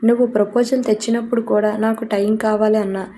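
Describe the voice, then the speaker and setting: A woman reads the part of a proud, bitter young woman in an audio storybook, sharp and scolding. The tone is mellow and dark. The pitch stays flat and narrow. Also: quick pace, a little hiss or hum, close to an everyday voice. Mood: angry.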